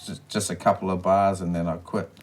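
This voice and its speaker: A man's voice: sits low, level tone, a little fast, darkish tone. A man co-hosting a casual podcast, rambling through stories and swearing freely over a beer. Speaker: podcast co-host. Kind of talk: casual chat.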